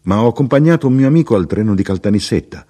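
A man's voice: on the low side, animated, fast talker, dark tone, husky, pitched above the performer's own voice. A man voicing a chatty, contented middle-aged clerk on a train, eager and sociable in a raised voice. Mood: eager explaining. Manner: eager, cheerful, insistently sociable.

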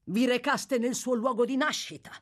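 A woman voicing a stern elderly gentleman who speaks in a measured, firmly deliberate and accusing way. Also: on the high side, pitched above the performer's own voice, natural voice.

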